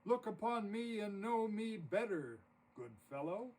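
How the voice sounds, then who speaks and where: A man's voice: high voice, big pitch swings, a little slow, darkish tone, voice pushed up, exaggerated voice. A man voicing a jovial bearded ghost in a storybook poem, with a hearty, welcoming bellow. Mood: jolly. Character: jovial, booming bearded male Christmas ghost. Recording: distant mic with audible noise.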